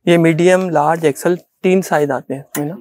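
A middle-aged man with a Pakistani Urdu accent, a shopkeeper giving a sales pitch in a small clothing shop, repeating himself insistently as he shows coats. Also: steady tone, fairly quick, darkish tone, dry recording. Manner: repetitive, insistent salesman patter.

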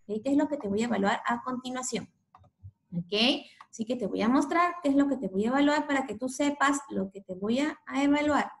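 A woman's voice: sits high, expressive, brisk. A woman teaching a class over a video call, switching between English and Spanish and saying "ok" again and again. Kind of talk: online class instruction. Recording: echoey room.

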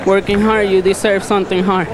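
High-voiced teenage male boxer interviewed ringside. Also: little pitch movement, a little fast, rough recording. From Pennsylvania, United States. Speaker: amateur boxer being interviewed. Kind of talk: spontaneous post-fight interview. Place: ringside in arena. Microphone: handheld TV interview microphone. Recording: ringside with clear crowd noise.

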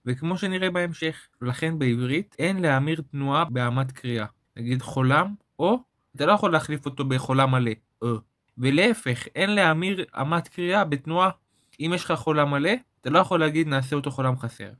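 A man's voice: fairly high pitch, a bit bright, no echo, clean studio sound. A man giving a patient lesson on Hebrew letters and vowel marks, explaining with examples and often checking with "okay?". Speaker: teacher.

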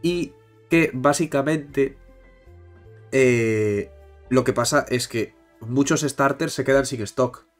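A man with a Spain accent, stuffed up with a bad cold, chatting casually as a YouTube host about card-game news and pausing for breath. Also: mid-range voice. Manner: pauses to catch breath. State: congested with a bad cold, blocked nose. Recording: music behind the voice. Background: music.

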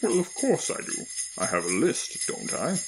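Man voicing a booming, jovial old Santa Claus. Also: wildly swooping pitch, normal speed, over music. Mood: jovial, kindly. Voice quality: loud, booming. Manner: jovial, hearty, ho-ho chuckling.

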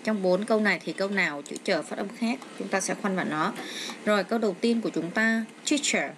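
In a quick-paced, medium-pitched voice, an English teacher in middle age explains an exam step by step and hesitates often with fillers. It's a noisy home recording, with a child nearby.

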